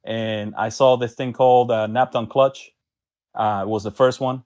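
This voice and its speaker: A man from Venezuela, later based in Miami, talks as a podcast guest and tournament organizer, telling stories in casual slang and acting out bits of dialogue. His voice is medium-pitched, smooth and a little mellow, with a steady tone at a moderate pace.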